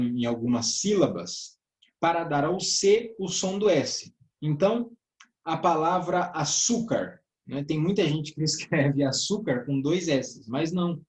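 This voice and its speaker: Speaking in a fairly high, slightly mellow voice, a teacher of a church workers' course gives a grammar lesson with a southern Brazilian Portuguese accent. He breaks things down step by step, closes phrases with "tá?" or "né?", and refers to his audience as brothers in an echoey room.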